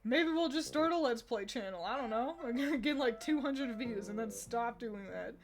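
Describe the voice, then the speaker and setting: Woman streamer, higher voice, loose and giggly casual chat with her audience. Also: moderate pace. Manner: rambling and giggly, laughs often between thoughts.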